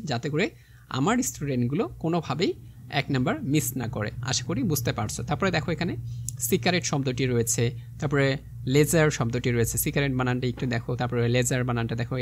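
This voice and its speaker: A man's voice: medium pitch, slight background noise. A young man with a Bangladeshi Bengali accent teaching an exam vocabulary lesson, spelling words out step by step and checking in with his students often.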